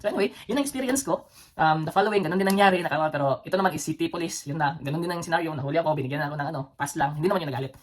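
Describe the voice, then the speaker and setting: Fast-talking Cebuano man telling stories. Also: on the high side, a little hiss or hum. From Philippines. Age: adult, former soldier with children. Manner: rambling, with frequent fillers and restarts; chuckles between phrases. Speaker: vlog host. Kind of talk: casual storytelling vlog.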